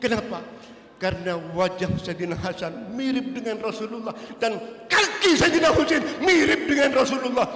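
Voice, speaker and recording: A man preacher telling a sacred story in a sermon, shifting from hushed tones to shouted cries. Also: extremely high pitch, normal speed. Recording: echoey hall with long reverb.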